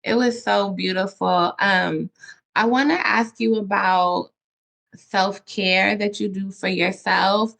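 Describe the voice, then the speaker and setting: A woman's voice: medium pitch, fairly even intonation, slow, creaky, fairly bright tone. A woman from the Bay Area hosting a casual video-call interview, effusive and enthusiastic, with frequent fillers. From San Francisco Bay Area. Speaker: interview host.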